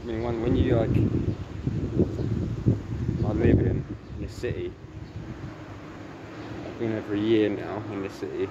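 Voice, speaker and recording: A young man from England with an English accent, chatting casually in a low-key, musing way as he films a vlog outdoors. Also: measured pace, pauses often. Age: young adult. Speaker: vlogger. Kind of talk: casual rambling vlog chat. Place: outdoors on an open hillside temple ground. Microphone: camera at arm's length or propped nearby. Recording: muffled outdoor camera audio, ambient noise.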